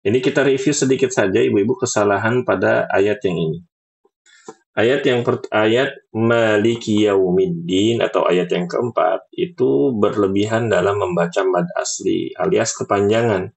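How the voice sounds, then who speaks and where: A man teaching Quran recitation in an online class, patiently correcting students and demonstrating words slowly and drawn out. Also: on the low side, vocal fry.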